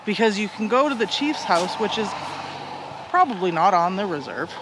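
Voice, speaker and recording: High-pitched, emphatic Canadian man. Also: expressive, normal speed, noisy background. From Alberta, Canada. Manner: emphatic, opinionated, uses rhetorical questions. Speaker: interview guest. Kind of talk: conversational interview answers.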